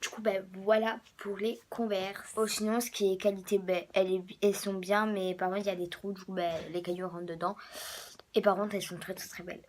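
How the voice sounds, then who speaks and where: Hoarse young woman rambling. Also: mid-range voice, flat delivery, fairly quick, a little mellow, slight background noise. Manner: rambling, many fillers, drops to whispers. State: hoarse, a bit sick. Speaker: vlogger. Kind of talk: casual sneaker show-and-tell.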